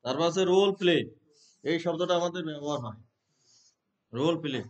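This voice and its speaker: Bangladeshi guy teaching a training class, fairly high voice, reads english lines slow and quizzes folks. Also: muffled recording. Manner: explains terms, slowly reads English definitions aloud, quizzes the class. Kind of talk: classroom lecture.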